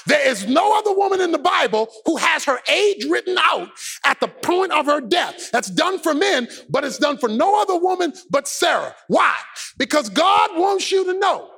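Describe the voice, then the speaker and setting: A man preaching a sermon with an impassioned, sing-song shouted cadence. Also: very high-pitched, very animated, moderate pace, creaky.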